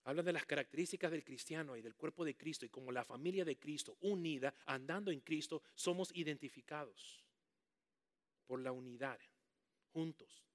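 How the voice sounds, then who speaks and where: A man preaches with animated energy, getting his listeners to repeat key words after him. His voice sits a little high for a man, and he mixes in playful asides to the congregation. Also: moderate pace. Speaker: pastor. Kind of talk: sermon.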